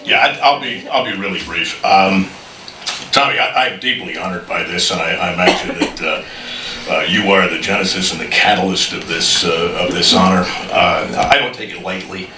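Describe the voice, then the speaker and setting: Deep-voiced man in an echoey, noisy room. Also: distant mic. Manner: halting, self-deprecating. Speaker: honoree giving acceptance speech. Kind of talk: informal thank-you speech. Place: full room at an induction ceremony.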